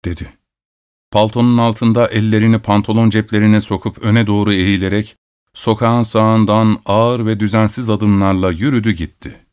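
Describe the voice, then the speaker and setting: A man narrating an audiobook in a steady, measured reading. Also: lowish voice, clean tone.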